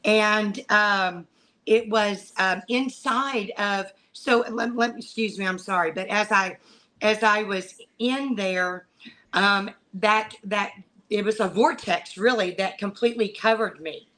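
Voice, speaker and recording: A middle-aged woman giving a personal religious testimony in a halting way, often pausing and repeating words. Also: mid-range voice, a bit bright. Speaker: guest sharing a religious vision. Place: living room at home, video call. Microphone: video call microphone.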